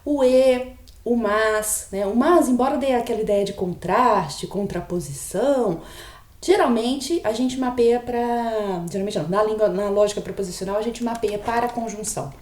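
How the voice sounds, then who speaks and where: A woman's voice: a little high, moderate pace, a little mellow, roomy sound. A woman giving a logic lecture, patiently explaining and often checking in with her students. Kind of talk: recorded online lecture.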